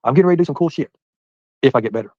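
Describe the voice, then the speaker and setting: A man in his forties rattles along quickly in a casual live-stream chat, rambling and addressing viewers one by one. His voice sits at an ordinary pitch. The sound is dry and a little dull, like lo-fi stream audio. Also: lively intonation, darkish tone, dry recording. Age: 40s. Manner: rambling, talks straight to viewers by name. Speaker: livestreamer reading chat.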